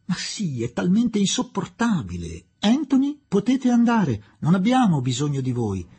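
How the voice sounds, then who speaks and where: A man's voice: fairly high pitch, animated, moderate pace, creaky, warm tone, slightly rough, voice pushed up, heavily acted. A man voicing a blunt, impatient young woman in a storybook reading. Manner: impatient, dismissive.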